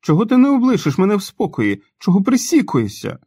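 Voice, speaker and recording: A man's voice: fairly low pitch, lively intonation, a little fast, no echo, studio quality, natural voice. A man reading the part of a tense, blunt woman who snaps her replies. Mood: angry. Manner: sharp, snapping replies.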